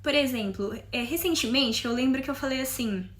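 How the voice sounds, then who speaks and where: A woman's voice: high-pitched, fairly quick. A talkative woman from Montes Claros with a Mineiro Brazilian accent, chatting casually to camera for her vlog. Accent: Mineiro Brazilian Portuguese. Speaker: vlogger.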